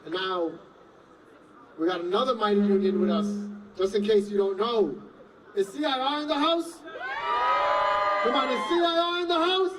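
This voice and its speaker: High-voiced male emcee shouting over crowd. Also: normal speed, pauses often. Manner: loud, hype-man shouting. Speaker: rally emcee. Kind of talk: hyping the crowd and introducing speakers. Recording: distant mic, very loud crowd and noise.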